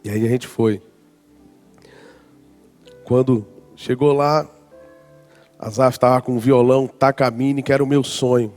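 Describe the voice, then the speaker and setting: A man in his forties, a pastor telling a personal story in a lively sermon. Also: mid-range voice, measured pace, long pauses, soft background music. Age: 40s. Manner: lively storyteller acting out his own past reactions. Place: church conference hall.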